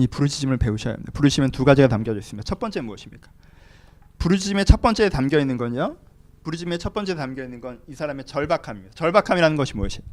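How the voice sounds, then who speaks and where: A man pastor preaching a sermon emphatically, asking the congregation rhetorical questions. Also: a little high.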